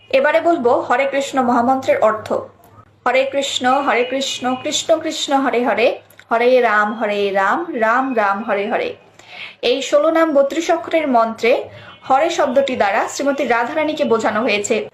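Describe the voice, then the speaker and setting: A woman with a fairly high voice gives a scripted devotional teaching. She speaks in a measured, explanatory way and poses rhetorical questions to her listeners. A faint background noise sits under her voice.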